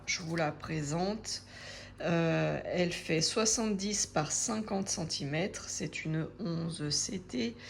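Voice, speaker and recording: A woman in her forties talks unhurriedly to her viewers about her craft projects in a relaxed, chatty way. Her voice sits fairly low, and she hesitates often, filling pauses as she thinks. A faint hiss runs underneath. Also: creaky. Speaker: craft vlogger. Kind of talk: casual chat to camera.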